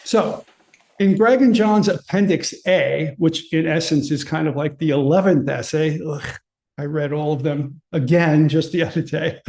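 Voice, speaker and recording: Brief: male presenter reading his paper, earnest and measured, with a fairly high voice. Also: creaky, dark tone. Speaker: conference presenter. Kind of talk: reading a prepared paper aloud.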